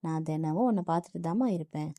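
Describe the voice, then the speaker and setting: A soft-spoken father calms his crying daughter with patient, tender words. A woman reads him in a mellow, dry audiobook voice. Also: low-pitched, quick pace, no echo. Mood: gentle reassuring. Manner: calm, reassuring. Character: middle-aged man, gentle soothing father.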